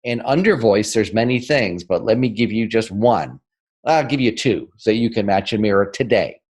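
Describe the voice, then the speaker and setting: Energetic man teaching sales on a podcast. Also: on the low side. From northern United States. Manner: energetic and emphatic, keeps asking "right?"; speeds up and slows down for emphasis. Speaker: podcast guest, sales and marketing expert. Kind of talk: interview, teaching.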